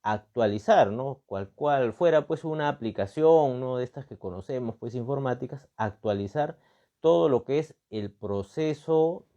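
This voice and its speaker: Speaking unhurriedly in a warm, medium-pitched voice, a Peruvian man comments on politics and the constitution with animated delivery and a Peruvian accent. He improvises his analysis, hammering phrases through repetition and tossing out rhetorical questions peppered with tag words. The audio is muffled.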